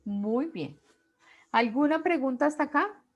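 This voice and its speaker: A woman's voice: high-pitched, expressive, muffled recording. A woman teacher giving an online class over a video call, explaining rules step by step and reading out lists of words one by one. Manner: slow, deliberate, reads out word lists.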